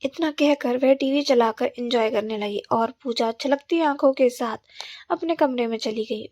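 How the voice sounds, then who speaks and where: A woman narrating a scripted family drama story in a steady storytelling manner. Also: fairly high pitch, dry recording. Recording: slightly dull, dry recording.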